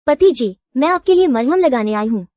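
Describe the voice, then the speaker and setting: A sweet young wife. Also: female voice, high-pitched, animated, normal speed, no echo, studio quality. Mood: adoring. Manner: soft, adoring and polite. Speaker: dub voice actor. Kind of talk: Hindi dub of a drama.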